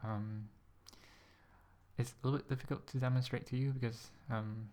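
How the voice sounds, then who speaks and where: In a casual to-camera vlog recorded on a USB desk microphone, a young ASMR channel host from Singapore speaks in a mid-range voice with a steady, darkish tone. He pronounces his Singaporean-influenced English carefully and deliberately, sounding hesitant and a little nervous, with frequent ums.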